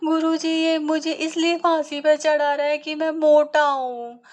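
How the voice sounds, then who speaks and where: A woman voicing a plump, greedy young male disciple who pleads and wails in slow, high, whiny tones. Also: completely flat delivery. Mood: wailing.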